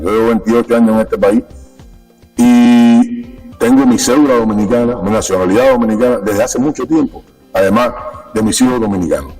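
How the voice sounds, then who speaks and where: A man's voice: lowish voice, darkish tone, recorded from a distance, low-quality recording. A Cuban-born man speaking as a sports official guest in a conversational interview, emphatic and repeating his key points. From Cuba.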